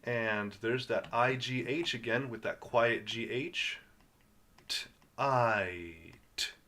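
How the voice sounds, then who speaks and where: A man teaching English reading to learners, sounding out words patiently and repeating them in a slow guided lesson. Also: mid-range voice, steady tone, pushed and bright.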